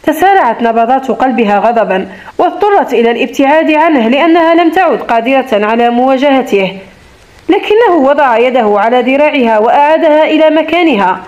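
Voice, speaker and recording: A woman's voice: sits high, expressive, brisk, darkish tone, muffled recording. A woman narrating a romance novel aloud, reading both lovers' lines in her own voice and rising for the heroine's anger. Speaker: audiobook narrator.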